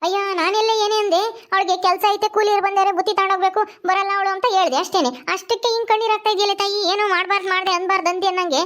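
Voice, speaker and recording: A woman's voice: extremely high pitch, fairly even intonation, racing, fairly bright tone, voice pushed up. A woman voicing a fussy older village mother-in-law who scolds and coaxes the others. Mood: scolding. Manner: scolding, coaxing.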